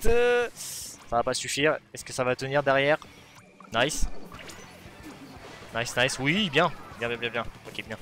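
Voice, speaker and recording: A man giving live commentary on his own online match, excitable, shouting at plays and then talking himself down, on a desk or headset mic. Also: medium pitch, a little hiss or hum. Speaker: gaming video host.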